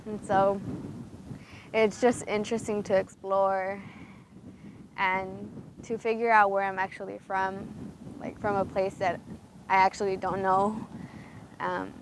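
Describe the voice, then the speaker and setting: A young woman from Oxnard, California speaking reflectively and evenly in a documentary interview. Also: medium pitch. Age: young adult. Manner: reflective, even and measured. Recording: noisy documentary audio.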